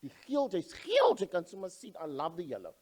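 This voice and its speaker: Lively teasing Cape Town man. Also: high-pitched, fairly quick. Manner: playful teasing, mixing English and Afrikaans. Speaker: co-host. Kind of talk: casual vodcast chat.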